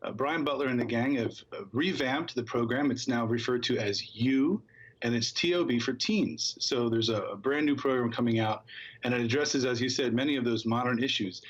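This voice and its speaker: A man with a slightly husky voice talks fluently and upbeat as a guest on a studio talk show. The sound is a little dull and lo-fi. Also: mid-range voice, normal speed. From Philadelphia area. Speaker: guest spokesperson. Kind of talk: TV studio interview.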